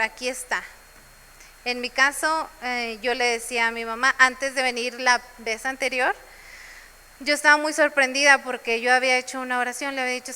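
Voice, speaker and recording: A woman's voice: high-pitched, sharp tone, clean tone, in a large hall. A woman preaching a sermon in a church, sharing personal testimony.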